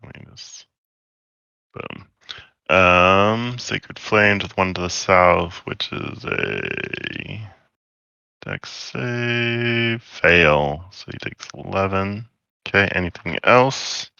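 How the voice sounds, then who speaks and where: A man running a tabletop game as game master, giving unhurried, matter-of-fact rulings. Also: low-pitched, very animated, creaky, sharp tone, smooth, no echo, muffled recording.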